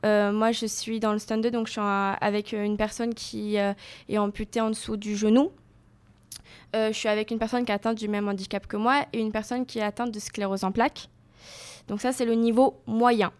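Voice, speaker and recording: A woman's voice: medium pitch, little pitch movement, normal speed, clean tone. A young woman, an athlete guest, answering interview questions casually and searching for her words. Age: young adult. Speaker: para-surfing champion guest.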